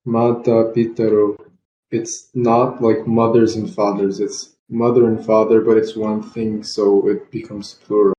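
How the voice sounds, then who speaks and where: A male student asks a question slowly and deliberately, in a low, flat, mellow voice. His mic sounds dull and lo-fi, with room echo and a faint hiss underneath. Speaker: student in a study group.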